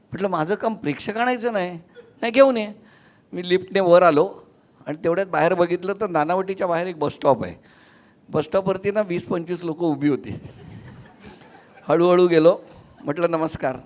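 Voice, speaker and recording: High-voiced animated male storyteller. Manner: animated storyteller acting out dialogue. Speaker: host. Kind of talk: lively stage anecdote.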